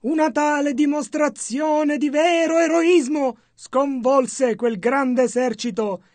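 A man reading a sermon translation as a measured voice-over. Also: very high voice, fairly even intonation, a little mellow, no room sound. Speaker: interpreter.

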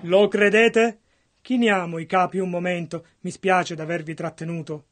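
A man interpreting a sermon with earnest, close phrasing. His voice is strikingly high for a man, and he speaks in short stretches between the preacher's lines. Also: fairly even intonation, moderate pace, fairly bright tone.

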